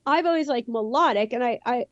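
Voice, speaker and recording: A San Fernando Valley woman with a Southern California Valley Girl accent chats casually and ramblingly as a musician guest on a podcast. Her youthful, teen-sounding voice sits on the high side, with a slight lisp and a slightly quick pace. The recording is dry and has its highs cut off.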